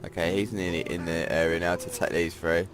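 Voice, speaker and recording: A man's voice: deep voice, flat delivery, a little fast. A man with a congested, stuffy voice, casually commenting on a strategy game while thinking his moves aloud. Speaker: gameplay commentator. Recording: game music playing behind.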